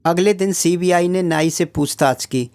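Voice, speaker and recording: A man's voice: high voice, unhurried, darkish tone. A man telling a string of jokes, quoting the characters' lines in playful storytelling. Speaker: joke narrator. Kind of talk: reading jokes aloud.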